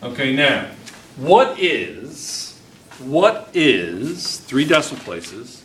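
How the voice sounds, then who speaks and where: Working through chemistry problems at the whiteboard, a middle-aged teacher keeps encouraging his students and firing questions at them. His mid-range voice is sing-song and fairly bright, with drawn-out words. The distant camera captures a roomy classroom sound, with a little hiss or hum.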